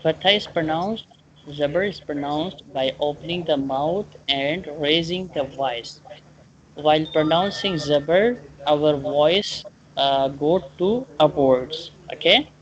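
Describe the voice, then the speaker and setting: A Quran teacher giving a one-on-one online lesson, explaining and drilling pronunciation haltingly, repeating points and often checking understanding. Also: medium pitch. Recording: dull lo-fi online call, clear background noise.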